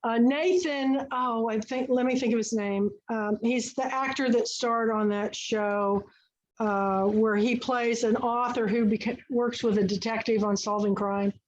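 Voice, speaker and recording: On a video call, a woman runs a casual online book and film club, an enthusiastic, chatty storyteller. She has a slightly high voice with a steady tone, speaks a little slowly, and the sound is lo-fi.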